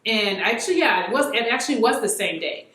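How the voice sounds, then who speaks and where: A woman's voice: on the high side, a little fast. Chatty woman telling a story, echoey room. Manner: animated, acts out quotes with filler words. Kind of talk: casual storytelling chat.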